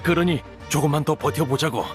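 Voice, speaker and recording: An actor playing a middle-aged male village official in a video game, measured, paternal and explanatory. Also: a little high, natural voice. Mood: calming. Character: male village official handing out energy, patient and formal. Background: game music.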